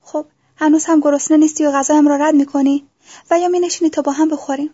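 A woman reading the lines of a devoted young man in love, in a soft, earnest storybook voice. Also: high voice, fairly even intonation, close to an everyday voice. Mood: playful. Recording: dull lo-fi recording.

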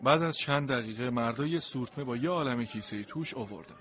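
A man narrating a storybook in the first person from a dog's point of view, in an earnest, expressive way. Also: mid-range voice. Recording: noisy background.

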